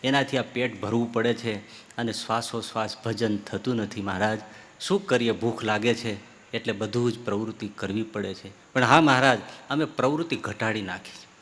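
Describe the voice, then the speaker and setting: A man giving a religious discourse as a swami, telling stories and acting out the people in them with big swings of pitch and loudness. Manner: acts out story characters with swings of pitch and loudness. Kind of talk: sermon with storytelling. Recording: long hall reverb.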